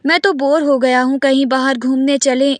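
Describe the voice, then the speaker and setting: A cheeky young nephew who teases and jokes, read by a woman who keeps her own high voice. The delivery is close and dry, with no room around it. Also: fairly even intonation, no room sound, lightly acted. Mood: playful. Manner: playful, cheeky.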